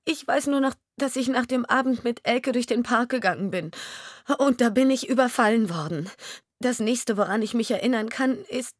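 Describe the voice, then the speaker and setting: A woman reading an audiobook, voicing a distraught wife who shouts and pleads. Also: fairly high pitch, no echo, studio quality, pitched above the performer's own voice, close to an everyday voice. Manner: shouting, then tearful pleading.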